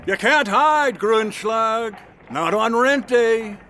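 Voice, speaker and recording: An actor playing a grumpy, merciless landlord in a period drama, sneering and bullying with a gravelly edge. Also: male voice, extremely high pitch, slow, noisy background. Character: grumpy, merciless male landlord demanding rent.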